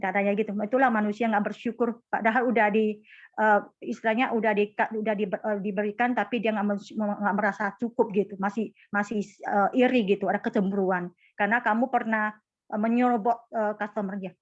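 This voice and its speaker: A woman sharing a church testimony in a casual, animated storytelling way, acting out what others said. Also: medium pitch, brisk, no room sound, lo-fi sound.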